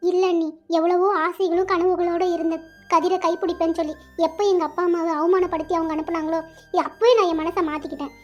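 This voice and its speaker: A woman's voice: very high-pitched, level tone, quick pace, muffled recording, faint music behind. A woman voicing a stubborn, wounded young woman who argues with her lover in a cartoon. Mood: firm. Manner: firm, indignant, reproachful.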